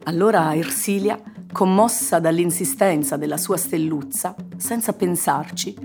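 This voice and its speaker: A woman narrating a children's story in an expressive, measured reading. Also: on the low side, vocal fry, music in the background. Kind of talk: scripted narration.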